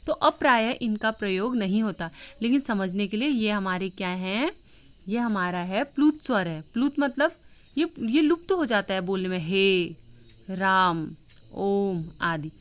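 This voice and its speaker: A woman teaching a grammar lesson in a patient classroom manner, repeating points, asking checking questions and drawing out vowel sounds slowly to show them. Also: mid-range voice, expressive. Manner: draws out vowel sounds slowly when demonstrating.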